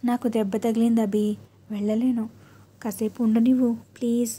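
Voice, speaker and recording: A woman voicing a patient young wife in a storybook who gently coaxes and pleads. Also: a little high, steady tone, normal speed, breathy edge. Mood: pleading. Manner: gentle coaxing pleas.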